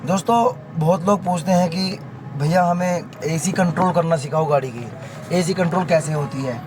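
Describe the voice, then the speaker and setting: A hoarse man, a vlogger, giving a casual how-to demonstration from inside a car. He keeps turning to his viewers with "friends" and "okay". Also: a little high, moderate pace, background noise.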